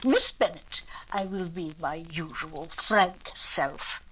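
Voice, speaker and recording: A woman's voice: fairly low pitch, slow, a bit bright, slight background noise, poor audio. A woman acting a pompous, imperious older aristocratic lady in a 1940s-style radio drama, with a commanding, formal manner. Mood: indignant, imperious.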